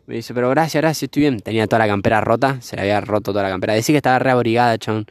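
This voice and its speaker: A man's voice: on the low side, fairly even intonation, racing, clean tone, no room sound. A young man telling a story in casual, rambling chat, full of slang and swearing. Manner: rambling, slangy, swears freely, laughs often. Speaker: vlogger. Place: outdoors by a fire.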